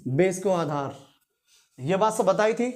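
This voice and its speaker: A male teacher lecturing to a classroom. He keeps throwing questions at the class in call-and-response and repeats each key term to drive it home. His delivery is steady and instructive. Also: sits high, measured pace. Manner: quizzing students in call-and-response; repeats and stresses key terms.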